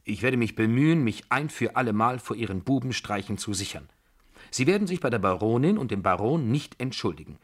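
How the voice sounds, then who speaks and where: A man's voice: mid-range voice, big pitch swings, moderate pace, pitched above the performer's own voice. A man voicing a stern, pompous older general who speaks sharply and formally in a radio drama reading. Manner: indignant, sharp, stiffly formal.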